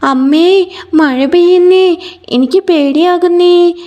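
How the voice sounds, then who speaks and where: A woman's voice: very high voice, slow, mellow, pitched above the performer's own voice. A woman voicing a frightened little baby bird who cannot fly yet, whimpering and pleading. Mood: scared.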